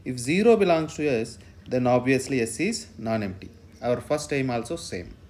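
A man's voice: medium pitch, lively intonation, normal speed, darkish tone, slight background noise. A man lecturing on mathematics step by step, dictating and repeating phrases as he writes out the working. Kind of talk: step-by-step lecture while writing out a proof.

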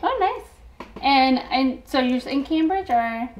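A woman's voice: high-pitched, expressive, slow pace, muffled recording, a little hiss or hum. A young woman hosting a studio interview in a TV studio, friendly and encouraging, with short acknowledgements. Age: young adult. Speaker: host.

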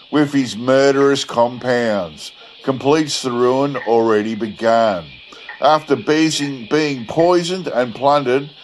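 Male narrator for literary storytelling: mid-pitched, unhurried, measured delivery. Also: slight background noise, poor audio. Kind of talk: scripted narration of an old bush yarn.

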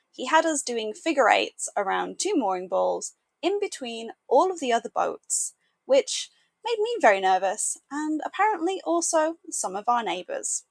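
In a wood-paneled boat cabin, a woman in her thirties with a high-leaning voice narrates her sailing vlog, recounting the week's story with upbeat asides. The recording is dry.

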